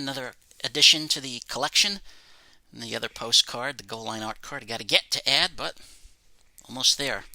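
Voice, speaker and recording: A man's voice: medium pitch, gravelly, bright, forceful tone, dry recording, poor audio. A man presenting items from his autograph collection, reading facts about each in a plain, matter-of-fact way. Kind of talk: casual show-and-tell narration.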